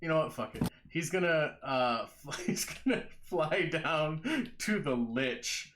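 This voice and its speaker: A man's voice: a little high, lively intonation, slow, noisy background. A man working as game master, narrating a live tabletop game in casual, profane banter. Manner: profane, informal.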